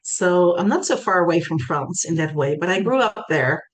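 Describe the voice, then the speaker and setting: Low-pitched Dutch woman, reflective. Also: animated, moderate pace, rough recording. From Netherlands. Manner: reflective, with hesitant restarts. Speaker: guest, school co-founder. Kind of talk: casual interview answers.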